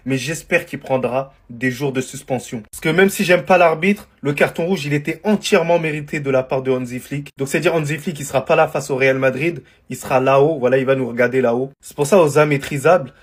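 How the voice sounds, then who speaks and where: A man's voice: medium pitch, breathy edge. A man in an indignant, scornful rant, piling up insults. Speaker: football commentator.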